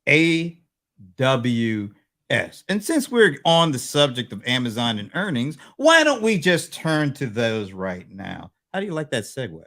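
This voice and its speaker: A man co-hosting a casual business chat. His pitch swings widely as he talks through figures. He makes joking asides and teases his partner along the way. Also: sing-song, a little slow, a bit bright. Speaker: co-host.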